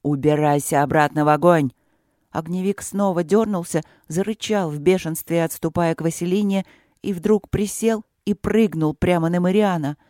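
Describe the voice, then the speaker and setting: Audiobook narrator, measured, warm tone, dead-dry booth sound. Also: mid-range voice, no echo. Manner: measured storytelling reading. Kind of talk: scripted narration.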